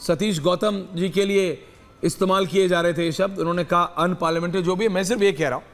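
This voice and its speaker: A man's voice: sits high, fairly even intonation, quick pace, long reverb tail. A man anchoring a TV debate, emphatic and mixing English phrases into his speech. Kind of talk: TV debate hosting.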